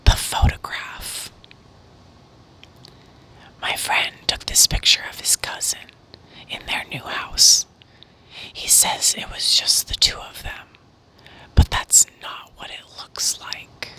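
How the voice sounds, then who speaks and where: A woman narrating horror stories in a breathy ASMR whisper, reading deliberately with pauses. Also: sharp tone, rough recording.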